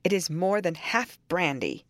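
A woman voicing a cruel, domineering man who snarls his orders loudly, in a storybook reading. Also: fairly low pitch, sing-song, a little slow, no room sound. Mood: raging. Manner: loud and snarling.

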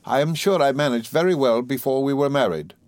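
A man's voice: medium pitch, brisk, a little mellow, no echo, pitched above the performer's own voice, lightly acted. A man voicing a timid, tearful young wife and mother who pleads falteringly in a storybook reading. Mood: faltering, frightened. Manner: faltering, pleading, repeating herself.

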